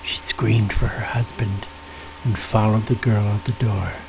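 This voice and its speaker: Slow, creaky, soft-spoken man telling ghost stories. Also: fairly low pitch, fairly even intonation, noisy background. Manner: folksy, unhurried. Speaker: storyteller, ASMR host. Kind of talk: soft-spoken, partly whispered ASMR ghost storytelling.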